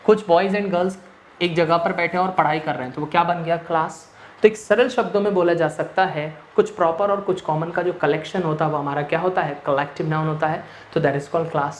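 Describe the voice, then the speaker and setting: Switching between Hindi and English mid-sentence, a male English grammar teacher asks rhetorical questions and answers them on his own. His steady voice is a little high and a little fast, and the recording has room echo and faint noise.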